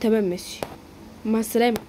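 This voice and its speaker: A woman with an Egyptian Arabic accent voicing a calm, protective young man in a lowered, steady voice. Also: fast talker, a little hiss or hum, natural voice. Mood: friendly.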